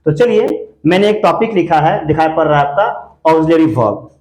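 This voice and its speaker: A man teaching a grammar class, often posing questions to the students and answering them himself, and saying words slowly and repeating them. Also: fairly high pitch, lively intonation, a little mellow. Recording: echoey room.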